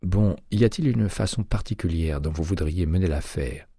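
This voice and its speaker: A man's voice: low voice, moderate pace, mellow, husky, no echo, studio quality. A man voicing a practical female police detective who talks bluntly and matter-of-factly.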